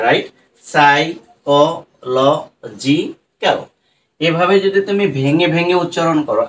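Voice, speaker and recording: A man with a Bangladeshi accent leads an online English pronunciation lesson in Bengali. His voice sits slightly high, and he spells each word letter by letter. A faint hiss of background noise runs underneath. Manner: spells words letter by letter, asks "right?" often. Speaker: English teacher.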